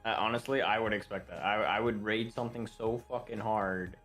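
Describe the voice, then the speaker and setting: A man's voice: on the low side, fairly even intonation, a little fast, fairly bright tone, faint music behind. A man chatting casually on a game stream, rambling and joking with lots of swearing.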